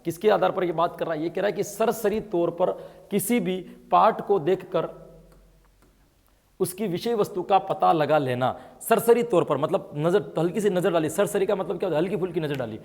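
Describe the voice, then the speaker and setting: A man's voice: high voice, normal speed, vocal fry, darkish tone. A man teaching an exam-prep lesson, explaining answers and asking his students questions as he goes. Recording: long hall reverb.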